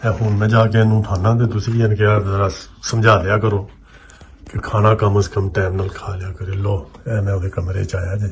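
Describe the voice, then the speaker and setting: A man's voice: fairly low pitch, level tone, normal speed, vocal fry, noisy background. A man chatting casually to the camera in a home vlog. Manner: chatty, calling loudly to wake someone.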